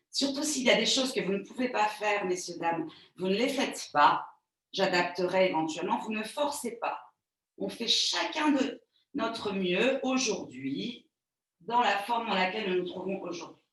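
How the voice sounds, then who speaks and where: A woman pilates instructor giving calm, soothing step-by-step cues and counting breaths for a live class. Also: medium pitch. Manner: calm, soothing, gently reassuring. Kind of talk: guided exercise class. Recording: very echoey room, voice far from the mic.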